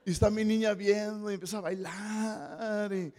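A man with a northern Mexican accent preaching a storytelling sermon in an animated, humorous way, often tagging his lines with rhetorical questions. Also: high-pitched, normal speed. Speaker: pastor.

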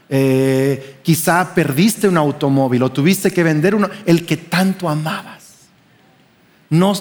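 A man's voice: fairly high pitch, big-room sound. A man with a Mexican Spanish accent preaching a sermon as pastor, conversational and often asking the congregation questions.

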